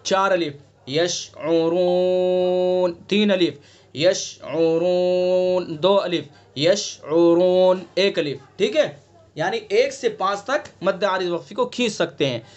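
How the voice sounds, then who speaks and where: The recording is muffled, but this man's high, expressive voice is clear enough as he teaches Quran recitation online at a moderate pace. He has a Delhi Urdu accent and patiently explains, quizzes students, and stretches sounds out for demonstration.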